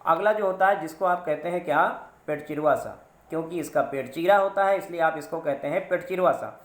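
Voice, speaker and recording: A man with a fairly high voice teaches a grammar lesson in an echoey room. He explains patiently and repeats each sound and term with stress so students can copy it. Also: a little fast. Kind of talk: classroom-style grammar lesson.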